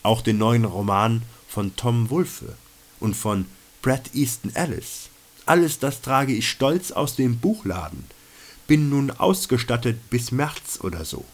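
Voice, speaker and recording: Man, travel diary reading, mock-dramatic, self-mocking, very lively pitch. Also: takes it slowly. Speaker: narrator of his own travel diary. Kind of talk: scripted first-person storytelling.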